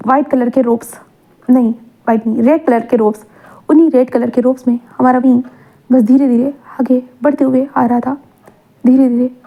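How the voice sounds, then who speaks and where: A woman with a high voice narrates a story in a casual, repetitive way. She mixes in English words. The audio is thin and tinny, like a phone line. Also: steady tone, normal speed.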